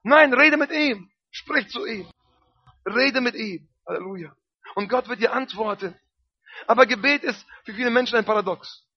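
A man's voice: very high-pitched, moderate pace, slightly rough, highs cut off. A man preaching a sermon with emphasis, repeating phrases and calling out hallelujah and amen.

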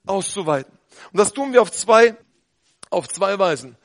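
A man preaching a sermon with fervour, dropping to quiet talk and then shouting out his points. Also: high-pitched, animated, moderate pace. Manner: fervent, switches between quiet talk and shouting.

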